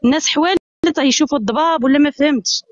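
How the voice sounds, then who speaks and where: A woman with an Algerian Arabic accent pours out her grievances at a breakneck pace in a high, insistent voice. She comes through a phone on a live call, with dull, lo-fi audio in a dry space. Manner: rapid, aggrieved and insistent. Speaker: guest on a live stream. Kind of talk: casual live-stream chat.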